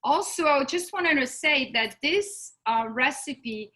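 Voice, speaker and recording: Woman from Morocco and France, middle-aged, higher voice, bright tone, video call, unhurried with fillers. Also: animated. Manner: unhurried, with frequent fillers and pauses. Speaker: home baker teaching a cooking demo. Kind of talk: casual online cooking demo.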